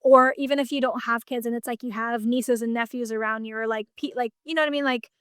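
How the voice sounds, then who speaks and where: A woman's voice: fairly high pitch, steady tone, quick pace, fairly bright tone, clear, resonant tone, no room sound, clean studio sound. A woman business coach talking in a casual podcast conversation, chatty and full of "like" fillers. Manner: chatty, heavy use of "like" fillers.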